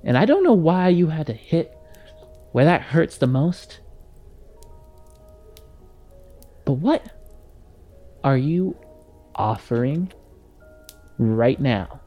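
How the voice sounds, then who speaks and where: A touchy young shopkeeper who keeps his father's prices, full of chatty sales patter and quick to get defensive, as a man puts him on during a tabletop game. His voice sits at an ordinary middle pitch and is talked a touch higher and brighter than plain speech. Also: lively intonation, faint music behind. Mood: wounded. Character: young male smith's son, touchy haggling shopkeeper.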